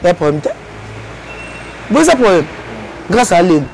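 Brief: man, high voice, lively storytelling guest, faint background noise. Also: moderate pace, creaky. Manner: lively, switches between Lingala and French. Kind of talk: animated storytelling.

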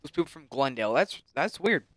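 Excitable male gamer, lively swinging pitch, dry close-mic sound, casual let's-play commentary. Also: fairly quick, no room sound. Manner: excitable, yells sound effects and taunts. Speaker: gaming commentator.

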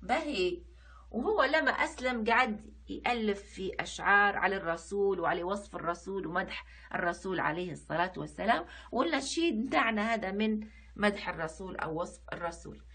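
A woman with a Libyan Arabic accent teaching an online reading lesson to children, reciting verse slowly word by word and explaining how each word is pronounced. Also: medium pitch, animated, fairly bright tone, breathy edge. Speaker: primary school Arabic teacher.

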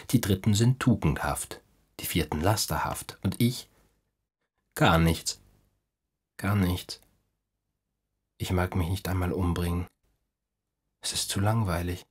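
A male narrator doing a despairing young man in an audiobook, low, husky, slow and halting. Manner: slow, halting, anguished delivery.

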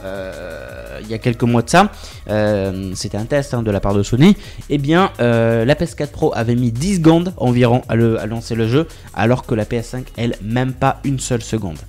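A man's voice: mid-range voice, lively intonation, normal speed, darkish tone, faint music behind. A man in his twenties from southwest France, talking casually through tech news for his viewers with many hesitations and restarts. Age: 20s. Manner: chatty, hesitant, full of filler sounds and restarts; addresses viewers as friends. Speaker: tech YouTuber.

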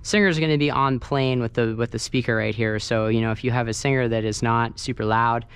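Working his way through a casual tutorial, a male sound engineer speaks briskly in a steady, mid-range voice. He's in a big carpeted banquet hall with a wooden dance floor, and the room noise comes through clearly.

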